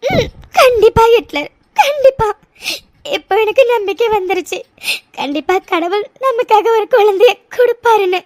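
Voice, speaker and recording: A woman's voice: very high-pitched, lively intonation, normal speed, no echo, clean studio sound. A woman voicing a weepy, apologetic young wife. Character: remorseful young wife, sweet and clinging. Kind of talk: tearful cartoon drama voice acting.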